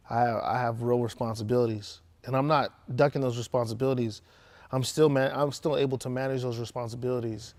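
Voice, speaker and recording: A man's voice: medium pitch, a little mellow, no room sound. A middle-aged man, a host and filmmaker, speaking candidly and measuredly in a sit-down interview. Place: dark studio with curtain backdrop.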